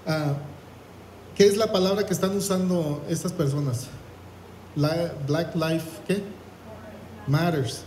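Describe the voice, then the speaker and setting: A man's voice: a little high, takes it slowly, pauses often, a little mellow, roomy sound, slight background noise, low-quality recording. A man preaching a sermon, reading scripture aloud and asking the congregation questions. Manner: reads scripture aloud, asks the congregation "¿qué?".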